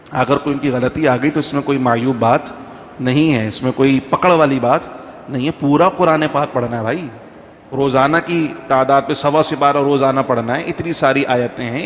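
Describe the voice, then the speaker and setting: A man, a mufti, giving an informal religious talk to a congregation in a mosque, conversational and full of anecdotes. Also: medium pitch. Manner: conversational, anecdotal, chants Quranic verses slowly. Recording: faint background noise, long reverb.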